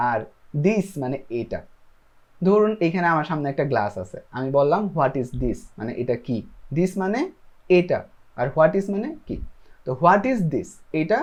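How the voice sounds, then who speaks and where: A man's voice: on the high side, a little mellow, lo-fi sound. A man giving a casual, chatty lesson, often checking in with his listeners. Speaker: self-taught English learner sharing lessons.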